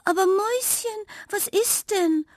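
A woman's voice: on the high side, very animated, slow pace, dry recording, clean studio sound, pitched above the performer's own voice, full character voice. A woman voicing a fussing, motherly but strict mother cat in a children's radio story. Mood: alarmed.

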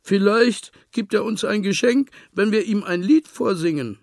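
A man doing a squeaky, fretful little piglet. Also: measured pace, creaky, a little mellow, no room sound, studio quality, heavily acted. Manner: whimpering, fretful. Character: timid anxious little piglet, whiny and squeaky. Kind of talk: storybook reading.

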